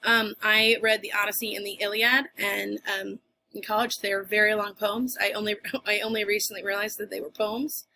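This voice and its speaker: A woman's voice: medium pitch, level tone, moderate pace, vocal fry, sharp tone, slight background noise. A woman teacher giving a recorded lesson to her students in a chatty way, with casual asides and restarts.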